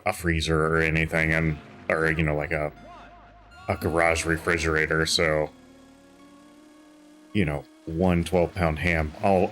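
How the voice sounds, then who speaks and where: Tired, rambling deep-voiced man. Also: a bit bright. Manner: rambling, chatty, many fillers and restarts. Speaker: streamer. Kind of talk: casual chat while gaming.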